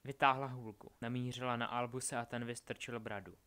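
A man narrating a dark fantasy story in a low, measured voice. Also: fairly even intonation, clear, resonant tone. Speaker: audiobook narrator.

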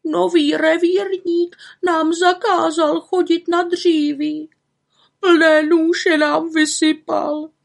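A woman voicing a group of tearful old grannies in a storybook reading, speaking in a high, drawn-out, wailing voice. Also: little pitch movement, creaky. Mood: sobbing. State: sobbing.

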